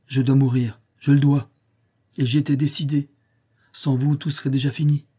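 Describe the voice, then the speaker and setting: A despairing young man in his twenties, as a male reader puts him on, bitter and weary. His voice is dark and husky, and his words come heavy with bitterness. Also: mid-range voice, flat delivery, moderate pace, voice pushed up, lightly acted.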